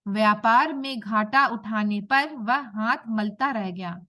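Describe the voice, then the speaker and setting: A woman's voice: on the high side, takes it slowly, bright, forceful tone. A woman teacher explaining a lesson to young pupils, patiently repeating each point and checking that they follow.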